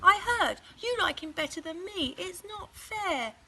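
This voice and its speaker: A woman's voice: very high-pitched, lively intonation, measured pace, sharp tone, a little hiss or hum, pitched above the performer's own voice, heavily acted. A woman voicing eager, whiny young elephant children from a storybook, pleading and insistent. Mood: whiny, indignant. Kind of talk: children's storybook character reading.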